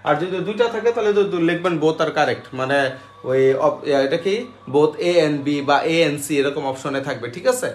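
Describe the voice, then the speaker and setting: A man teaching an online English grammar class, spelling words out slowly and checking with the class after each step. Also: a little high. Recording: roomy echo.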